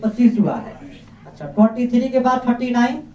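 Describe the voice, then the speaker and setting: A man's voice: extremely high pitch, lively intonation, fairly quick, mellow. A man teaching a class, quizzing students and firmly repeating each of their answers back to them. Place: classroom indoors. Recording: echoey, distant, dull classroom recording.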